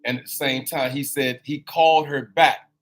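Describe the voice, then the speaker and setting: A man's voice: medium pitch, steady tone, normal speed, a bit bright. A man in his fifties hosting a motivational talk. He preaches animatedly, repeats phrases for emphasis and speaks straight to his listeners. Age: 50s. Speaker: host.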